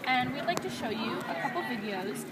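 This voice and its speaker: Fast-talking woman on a busy street. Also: a little high, animated. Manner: brisk, scripted introduction. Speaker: interviewer. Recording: distant mic, loud street crowd noise.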